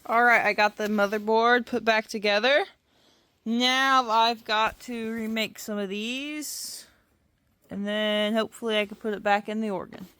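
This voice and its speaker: A fairly high-pitched woman talks through a hands-on repair in a relaxed, chatty way, now and then apologizing as she fumbles one-handed. Her voice sits close and dry on a phone mic, with no room echo. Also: unhurried, clean tone. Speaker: antique restorer. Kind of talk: casual hands-on repair vlog. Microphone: phone held in one hand.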